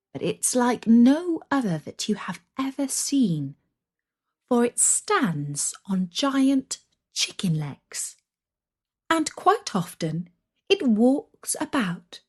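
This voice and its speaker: A lowish-voiced woman reads a scripted children's story aloud with drama and deliberation, using suspenseful pauses and a breathy tone.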